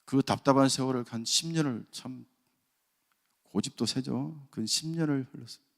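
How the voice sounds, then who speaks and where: Middle-aged man, church elder, gravelly voice, testimony sermon, rhetorical questions, long church reverb. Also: mid-range voice, normal speed. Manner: storytelling, self-deprecating, asks rhetorical questions. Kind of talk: dawn service sermon with personal testimony. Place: church sanctuary.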